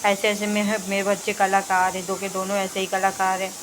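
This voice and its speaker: A young woman talks the viewer through her household routine in a chatty, casual voice-over. Her pitch sits in an ordinary middle range but barely moves, giving an even, level delivery. A faint layer of household noise sits beneath her voice. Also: fairly quick. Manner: chatty, running commentary on home routine. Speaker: vlogger. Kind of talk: casual vlog narration. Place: home.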